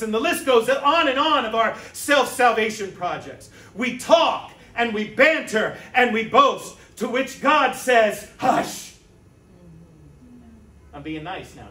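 A man with a high, bright, ringing voice preaches to his congregation, tossing in asides and "right?" check-ins. He stands back from the mic, so his voice carries a roomy church echo. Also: animated, moderate pace, few pauses. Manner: conversational preaching with rhetorical asides. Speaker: pastor. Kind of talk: sermon. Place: church sanctuary. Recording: echoey church sanctuary from a distance.

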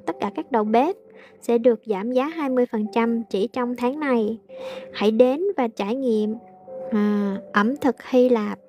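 A woman English teacher, translating aloud slowly in a casual lesson with frequent hesitations. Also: on the high side, darkish tone, slight background noise.

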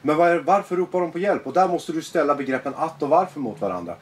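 Blunt, animated man, slightly higher pitch. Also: a little hiss or hum. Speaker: guest, former extremist. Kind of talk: personal interview conversation.

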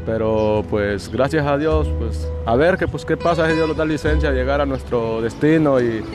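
Halting young man. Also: mid-range voice, over music. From Honduras. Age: young adult. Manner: halting, full of "pues" fillers. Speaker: migrant interviewee. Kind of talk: casual testimony. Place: outdoors on a city street. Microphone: lapel mic held out by interviewer.

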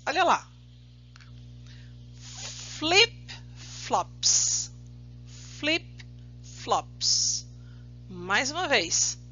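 Woman teacher for a kids' lesson, very slow and lively in pitch, slightly dull lo-fi recording. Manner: slow, drawn-out drilling of words, praising often. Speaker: primary school English teacher. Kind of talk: recorded remote English lesson for children.

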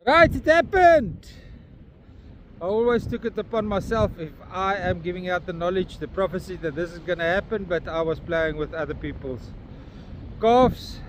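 Holding his phone at arm's length, a blunt South African man in his fifties with a slightly high voice swears and rants at a moderate pace for his walking vlog. He's on a windy beach where an estuary meets the sea, and the low-quality recording carries clear wind and outdoor noise.

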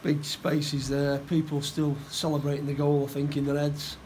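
A middle-aged football manager giving a post-match interview, plain-spoken and halting, often repeating his words. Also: a little high, monotone, a little mellow, a little hiss or hum, poor audio. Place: indoor room by a stadium door.

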